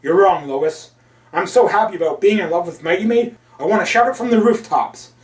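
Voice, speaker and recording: A man's voice: sits high, brisk, close to an everyday voice. A man voicing an earnest, eager young male superhero in a comic reading, recorded in a roomy space away from the mic. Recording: roomy, from a distance.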